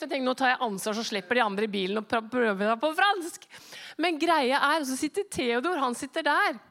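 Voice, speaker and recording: Middle-aged woman preacher, chatty and animated storyteller, slightly high voice. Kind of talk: devotional talk with a personal story.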